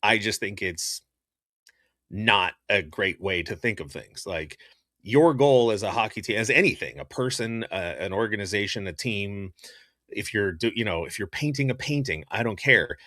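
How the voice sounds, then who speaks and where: Opinionated man with a bright dry voice. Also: on the low side, normal speed, no echo. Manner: opinionated, animated, thinks aloud with fillers and restarts. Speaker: hockey podcast host. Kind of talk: casual live-stream commentary answering chat.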